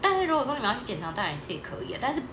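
A woman's voice: on the high side, huge pitch swings, racing. A woman co-hosting a casual podcast chat, talking emphatically in a lecturing way and laughing easily. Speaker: podcast co-host. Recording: echoey room with background noise.

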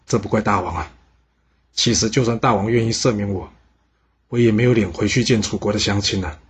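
A man's voice: lowish voice, brisk, husky. A man voicing a proud ancient general, ashamed and lamenting after defeat.

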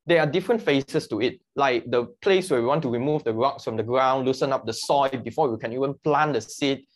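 A man with a medium-pitched voice speaks a little fast as a guest in a conversational interview about his work as a mission mobilizer. He is earnest and explains things through analogies.

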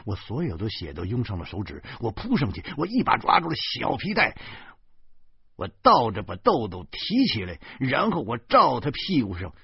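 Wry, husky storyteller man. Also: medium pitch, huge pitch swings, moderate pace, dry recording, lo-fi sound. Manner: wry, exaggerated self-pity. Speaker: audiobook narrator. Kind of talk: storytelling narration of a comic novel.

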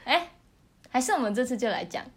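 A woman's voice: on the high side, expressive, fast. A woman with a Taiwanese accent hosting a podcast in casual, playful, teasing chat. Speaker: podcast host.

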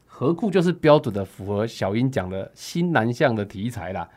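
A man's voice: medium pitch, sing-song, normal speed, a little mellow. A man with a Taiwanese accent speaking as an interview guest, explaining things conversationally with rhetorical questions and emphatic sentence endings. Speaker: guest investment commentator.

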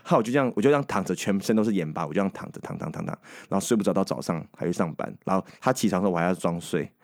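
A man telling a personal story in lively casual chat. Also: low-pitched, rapid-fire, no room sound, clean studio sound.

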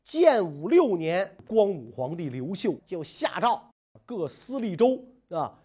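A man's voice: high voice, sing-song, measured pace, music in the background. Chatty man telling history. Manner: chatty, jokey, colloquial. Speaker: storyteller. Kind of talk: casual history storytelling.

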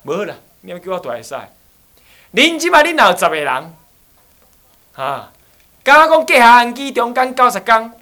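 A man's voice: extremely high pitch, huge pitch swings, normal speed, long pauses, bright, forceful tone. A man with a Taiwanese accent, an abbot giving a joking dharma lecture who often mimics people and slips into Taiwanese dialect. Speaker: Buddhist abbot.

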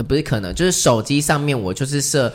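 A man chatting as a guest, telling family stories in a lively way and acting out what his relatives said. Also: medium pitch, quick pace. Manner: lively, acts out family members' lines. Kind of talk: casual storytelling chat.

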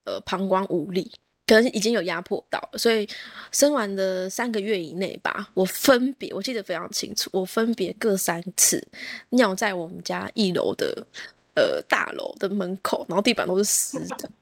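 A woman telling a story in casual chat, animated, laughing often and acting out what people said. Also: medium pitch, normal speed, gravelly, no room sound, studio quality. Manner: animated, laughs often, acts out quoted speech.

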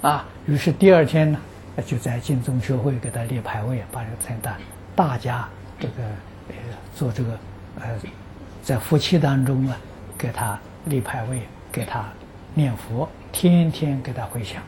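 A man delivers an unhurried Buddhist dharma talk in a dark, mellow voice, his pauses filled with long "ah" sounds. He sounds earnest and keeps insisting that what he says is true. His pitch sits at an ordinary middle height. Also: slight background noise. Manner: peppers speech with drawn-out "ah" fillers; earnest, stresses that the account is true. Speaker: Buddhist teacher answering practitioners' questions.

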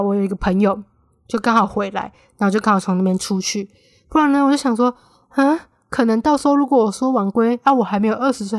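Young Taiwanese woman podcaster, casual storyteller, mid-pitched, dead-dry close mic. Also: dry recording. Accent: Taiwanese Mandarin. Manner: chatty, animated when quoting friends. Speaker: podcast host.

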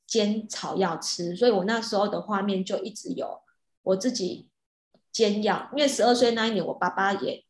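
A woman telling a personal story in a casual way. She is animated and often restarts her sentences, with soft fillers. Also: medium pitch, normal speed. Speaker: hypnotist. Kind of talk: casual storytelling of a past-life regression. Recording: roomy echo.

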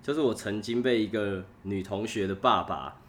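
A man's voice: lowish voice, normal speed, fairly bright tone, a little hiss or hum. A young man with a Taiwanese Mandarin accent, a podcast guest telling funny stories in casual chat and laughing often.

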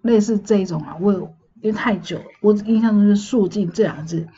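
A woman, casually telling a dream story on her podcast in a chatty, meandering way, often pausing to recall details. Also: mid-range voice, mellow, husky, lo-fi sound. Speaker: podcast host.

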